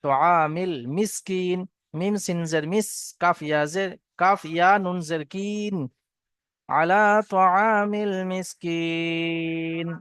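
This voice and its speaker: A man teaching Quran recitation in a lesson. His voice is high and resonant, and the recording is dry. He breaks every word into its letters and vowel marks before he chants it slowly. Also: steady tone, a bit bright, clean tone, no echo. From Bengal. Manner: spells each letter and vowel, then chants the verse slowly. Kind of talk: spelling out and reciting verses for students.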